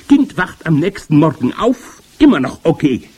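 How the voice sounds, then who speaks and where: A man voicing a commanding, evil old witch queen in a storybook reading, with shrill, gloating, theatrical speech. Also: sing-song, moderate pace, darkish tone, husky. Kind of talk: audiobook character voice.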